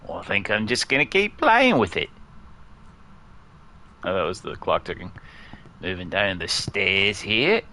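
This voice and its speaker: A low-pitched man giving easygoing let's-play commentary, his voice bright and clear. He is chatty and quick to laugh, and he wanders off to talk about his cat between moves. His pitch swings widely as he talks. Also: big pitch swings. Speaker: gaming streamer. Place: at home near a couch.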